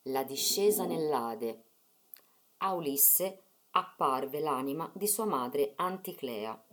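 Woman reading a myth out loud, low voice, calm and measured. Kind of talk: storybook narration.

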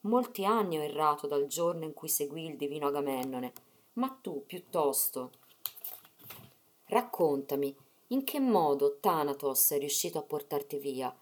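A woman's voice: low voice, animated, moderate pace. A woman reading the part of a grieving male hero who pleads sorrowfully with his dead mother.

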